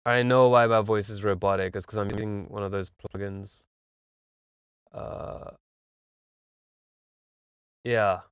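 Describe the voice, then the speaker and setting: A man's voice: fairly low pitch, flat delivery, slow, pauses often, clear, resonant tone, no echo, clean studio sound. Give me a man with a choppy robotic voice filter. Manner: loose, rambling, full of fillers. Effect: choppy robotic voice from an audio plugin. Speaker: streamer reviewing submitted music tracks. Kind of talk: casual live-stream feedback.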